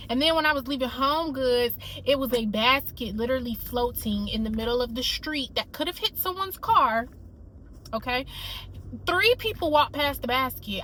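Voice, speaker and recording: A woman's voice: a little high, bright, forceful tone, a little hiss or hum. Chatty young woman vlogging to her phone. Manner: chatty, addresses viewers as y'all. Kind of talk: casual vlog chat.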